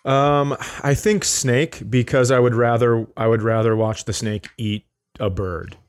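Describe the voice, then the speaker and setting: With a smooth, medium-pitched voice, fairly even intonation and a measured pace, this man co-hosts a podcast full of casual comedic banter. He teases, swears and wanders off onto tangents.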